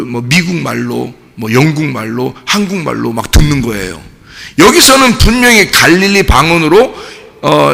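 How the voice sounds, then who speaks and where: A man preaching a sermon as pastor, talking with the congregation, asking them questions and lively acting out the voices he quotes. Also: a little high, gravelly, in a large hall. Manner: animated, acts out quoted voices and mimics gibberish tongues; conversational, asks the congregation questions. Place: church sanctuary.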